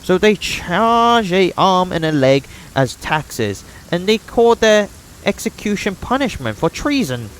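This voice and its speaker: A man's voice: sits high, sing-song, a little slow, a bit bright, a little hiss or hum, pitched above the performer's own voice, heavily acted. Brief: streamer doing a raised, grumbling innkeeper voice, a put-upon frontier man airing grievances in a fantasy game. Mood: bitter. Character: gruff middle-aged male frontier innkeeper, aggrieved.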